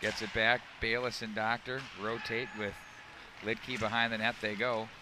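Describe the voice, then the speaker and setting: A man doing live hockey play-by-play, making rapid calls that rise sharply on scoring chances. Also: on the low side, flat delivery, noisy background. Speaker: play-by-play announcer. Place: outdoor rink broadcast.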